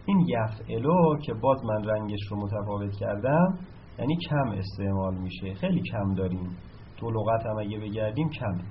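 A man's voice: lowish voice, lively intonation, slight background noise. A man teaching a lesson, explaining patiently and asking himself questions before answering them. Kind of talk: recorded lesson on Arabic verb patterns. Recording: slightly dull sound, faint room ambience.

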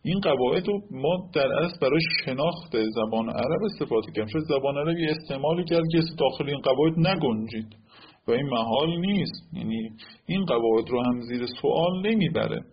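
Husky male teacher drilling grammar rules. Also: medium pitch, lively intonation, dull audio. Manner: asks the class rhetorical check questions like "right?"; repeats example words slowly, drawing them out. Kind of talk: Arabic morphology lesson.

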